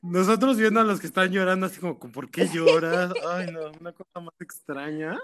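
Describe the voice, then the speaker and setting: A man chatting casually with an old friend, telling stories in a playful, animated way. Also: high-pitched, brisk. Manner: animated, playful storytelling with bursts of laughter. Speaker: podcast guest.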